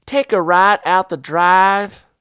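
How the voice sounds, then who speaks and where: A woman's voice: mid-range voice, fairly even intonation, slow pace, a bit bright, smooth, no room sound, pitched above the performer's own voice. A wary, terse country woman, put on by a man telling the tale in a raised voice, with a drawl. She gives directions in an offhand, meandering way. The sound is close and dry.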